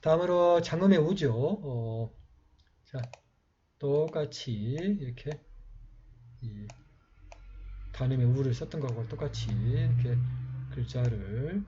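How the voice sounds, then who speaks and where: A man giving a slow, patient step-by-step writing lesson, talking while he writes, with many pauses. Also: medium pitch, expressive, mellow. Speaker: calligraphy teacher. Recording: slightly dull lo-fi sound with faint noise.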